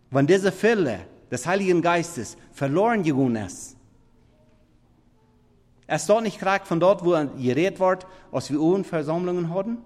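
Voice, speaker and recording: A man preaching a sermon in halting, non-standard German, swinging between loud emphatic scripture reading and quiet murmured asides. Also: high-pitched. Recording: long reverb of a big hall.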